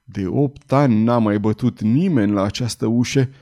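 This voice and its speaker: A man voicing a grieving former executioner who speaks in a sorrowful, sighing, low way, in an audiobook reading. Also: dark tone, close to an everyday voice. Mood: wary. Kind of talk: audiobook character voice.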